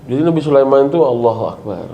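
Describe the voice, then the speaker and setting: A middle-aged man with a Sundanese accent giving a lively Islamic parenting talk, jumping up in pitch for emphasis and often checking with his listeners. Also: quick pace, muffled recording, background noise. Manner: animated, leaps high in pitch for emphasis, asks the audience questions. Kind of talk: lively religious study talk.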